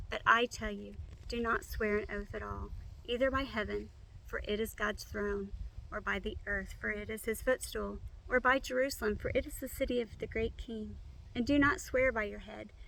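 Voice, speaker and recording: A woman reciting memorized scripture by rote, in measured, complete phrases. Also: medium pitch, gravelly, fairly bright tone, poor audio.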